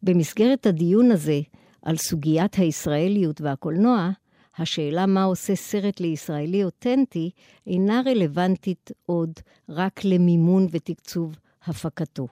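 An Israeli-accented woman gives a scholarly lecture from a prepared text. Her voice is fairly low and very mellow, with formal, carefully built sentences. The sound is dry and close, with no room on it. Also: no room sound. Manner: formal, articulate, long measured sentences. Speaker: academic lecturer. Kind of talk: scripted academic lecture.

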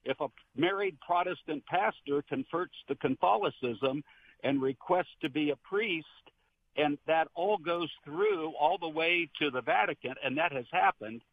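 A man's voice: a little high, animated, measured pace, vocal fry. An older man, a retired pastor, calling in to a radio show on a speakerphone and telling stories in an earnest, meandering way. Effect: speakerphone on a phone line. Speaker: caller, retired Protestant pastor. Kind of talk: call-in radio chat. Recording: tinny speakerphone call with faint background noise.

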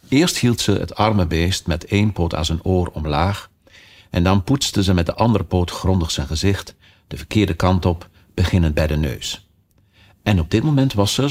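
Man reading a storybook aloud, slow and measured, deep and husky. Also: a little mellow. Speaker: narrator. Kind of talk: audiobook narration.

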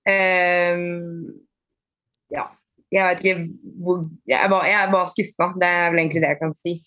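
A woman being interviewed on a podcast, chatting casually, with many fillers and restarts and lively retold dialogue. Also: fairly low pitch, no echo, studio quality. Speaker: podcast guest, bodyfitness athlete.

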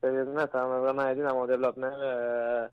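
A young man with a Lac-Saint-Jean Quebec French accent, answering interview questions hesitantly and filling pauses often. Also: medium pitch, flat delivery, clean tone, lo-fi sound. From Quebec, Lac-Saint-Jean region. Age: young adult. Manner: hesitant, many fillers and restarts. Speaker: hockey player guest.

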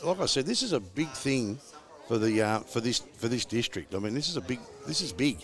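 A man's voice: mid-range voice, lively intonation, a little fast, a bit bright. A man with an Australian accent hosting a casual podcast chat in a laconic, drawling country manner. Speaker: podcast host.

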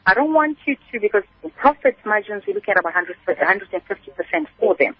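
Over a narrow phone line, a South African woman from Kimberley, a spice business entrepreneur, answers radio interview questions as a guest. Her medium-pitched voice is animated, fairly quick and slightly rough, with no room sound. She chats conversationally, explaining things at length like she's telling a story.

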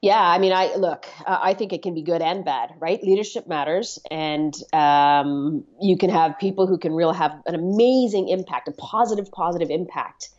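A middle-aged Canadian woman whose first language was Swahili speaks earnestly as a guest in a reflective conversational interview, using many fillers and repeated words. Her voice is fairly low and darkish, at a moderate pace with few pauses, and the recording is muffled.

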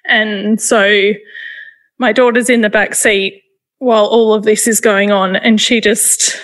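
A woman, retelling a painful personal experience in a halting, emotional way, with frequent restarts. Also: medium pitch, steady tone, fairly bright tone. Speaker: interviewee. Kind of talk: personal testimony.

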